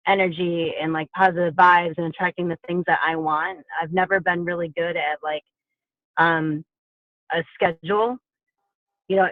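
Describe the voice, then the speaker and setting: A hoarse woman who is losing her voice, earnestly talking through her business goals on a group video call. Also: lowish voice, dry recording. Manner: earnest, steady, reflective. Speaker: wellness coach on a team call. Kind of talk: casual reflective talk on a group call. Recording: tinny phone-line video call.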